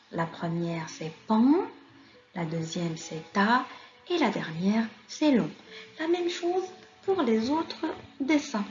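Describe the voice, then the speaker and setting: A woman's voice: medium pitch, slight background noise. A woman teaching a reading lesson to children, patiently spelling out syllables and asking the children questions. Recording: slightly dull sound with faint music.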